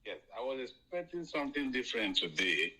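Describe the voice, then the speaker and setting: A man calling into a live audio show over a conference call line that cuts in and out, talking in halting bursts with emphatic questions. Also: mid-range voice, sing-song, bright, forceful tone, rough recording. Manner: halting, restarts often, rising emphatic questions. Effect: heard over a conference call line, audio cutting in and out. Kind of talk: casual call-in opinion.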